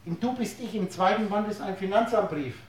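Spiritual lecturer, mid-pitched, rhetorical and wordplay-driven, captured from afar in a heavily reverberant room. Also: a little fast. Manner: rhetorical questions and wordplay, explains through everyday analogies. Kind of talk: spiritual lecture to a live audience. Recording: very echoey room, voice distant from mic.

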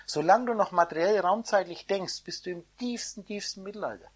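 A woman giving an esoteric sermon, preaching in the first person as God, her loudness swinging between soft and loud. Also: mid-range voice, a little fast, husky. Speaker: spiritual teacher.

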